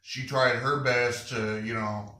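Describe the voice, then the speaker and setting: A man hosting his garage channel, talking plainly and haltingly with fillers, audibly short of breath. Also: medium pitch, steady tone, bright, forceful tone, roomy sound, distant mic, low-quality recording. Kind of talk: casual vlog update. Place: home garage.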